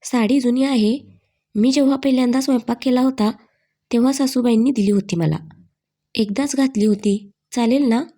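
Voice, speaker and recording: A woman's voice: fairly high pitch, moderate pace, warm tone. A woman voicing a shrewd, teasing elderly grandmother with a wry, commanding way of talking in a storybook reading. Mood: fond.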